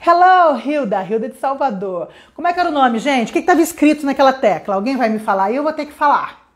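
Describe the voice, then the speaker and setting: Chatty, high-voiced woman teaching live. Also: fast. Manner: lively, chatty, greets viewers by name. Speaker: English teacher. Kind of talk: live-streamed lesson chat.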